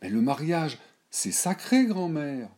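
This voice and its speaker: A man's voice: on the high side, big pitch swings, slow, darkish tone, pitched above the performer's own voice. A man voicing a naive, startled young girl who answers her grandmother with pleading, bewildered protests in a storybook reading.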